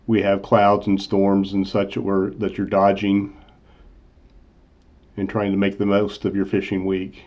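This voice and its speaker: A man's voice: on the low side, completely flat delivery, a little slow, a little mellow. A man in his sixties casually narrating his fishing trip, easygoing, with frequent "uh" fillers. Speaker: channel host, accountant. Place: in a car, then voice-over.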